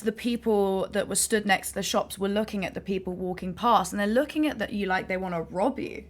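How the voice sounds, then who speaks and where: A woman's voice: medium pitch, normal speed. A young woman, frank and laid-back as a guest in a casual chat. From England.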